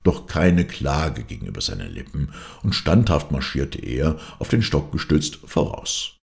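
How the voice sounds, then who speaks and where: A very deep, gravelly male voice reads aloud from a classic adventure novel, narrating the audiobook in a calm, steady, measured manner.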